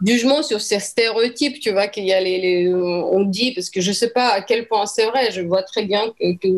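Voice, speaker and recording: A woman's voice: mid-range voice, a little mellow. Woman interviewer. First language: Ukrainian. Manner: friendly, searching for words, many fillers. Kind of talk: casual conversational interview.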